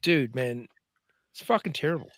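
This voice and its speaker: A man hosting a podcast, telling stories in a loose, profane, animated way. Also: mid-range voice, moderate pace, no room sound, clean studio sound. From Canada. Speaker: podcast host. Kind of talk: casual chat.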